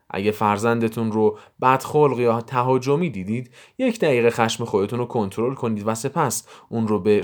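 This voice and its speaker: A man reading a scripted audio piece on parenting advice, calmly going through numbered tips. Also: fairly low pitch. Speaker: narrator of a psychology audio series. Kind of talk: scripted narration.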